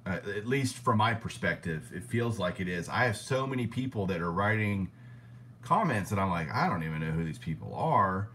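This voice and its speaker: A man's voice: sits low, lively intonation, moderate pace, a bit bright, slight background noise. A man hosting a casual live stream interview, friendly, greeting viewers by name as he asks his guest questions. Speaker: host of a live stream show.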